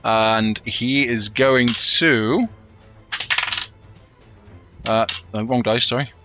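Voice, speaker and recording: A man acting as game master, narrating a tabletop role-playing game in a casual, improvised and halting way. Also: medium pitch, steady tone, music in the background.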